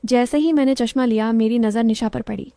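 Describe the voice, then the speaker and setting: Higher-voiced woman narrating a story. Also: a little fast, dark tone, no echo. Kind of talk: scripted first-person story narration.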